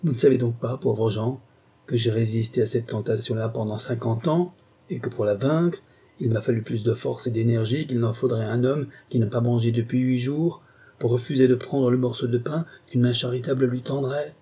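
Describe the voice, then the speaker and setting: A man's voice: medium pitch, fairly even intonation, moderate pace, slightly rough, natural voice. A man voicing a tormented old gambler who believes he sold his soul, speaking with impassioned, feverish intensity in an audiobook reading. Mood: indignant. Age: older. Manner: impassioned, swings from grave confession to raging shouts.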